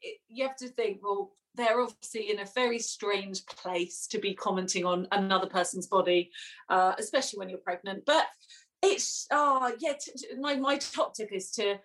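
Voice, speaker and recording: A woman's voice: mid-range voice, moderate pace, a bit bright. A young woman in casual chat, laughing often and acting out what people said to her. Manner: chatty, laughs often, acts out quotes. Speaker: podcast guest.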